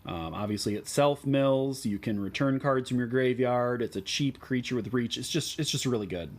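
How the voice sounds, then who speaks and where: A man with a Midwestern American accent explains card choices for a deck in a relaxed way, with many ums and uhs. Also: medium pitch, moderate pace. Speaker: deck tech host.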